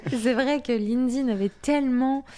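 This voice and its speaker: A woman's voice: sits high, moderate pace, dark tone. Chatty woman co-hosting a podcast. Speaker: podcast co-host. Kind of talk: casual chat about marketing news.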